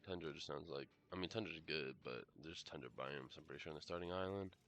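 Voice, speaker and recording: A man streaming a game in casual live commentary, rambling and hesitant with many fillers and self-corrections, coughing and clearing his throat now and then. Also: very deep voice, quick pace, a bit bright.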